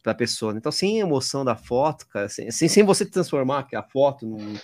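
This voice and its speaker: A man's voice: medium pitch, sing-song, fairly quick, darkish tone, dry recording. A Brazilian man co-hosting a podcast, emphatic and repetitive, leaning on fillers in casual chat. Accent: Brazilian Portuguese. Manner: emphatic, repeats words and fillers. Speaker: podcast co-host.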